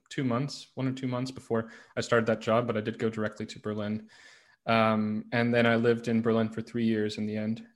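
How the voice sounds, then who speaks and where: A man from the United States, a podcast guest, telling his story in a relaxed, rambling way. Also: fairly low pitch. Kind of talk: casual interview conversation.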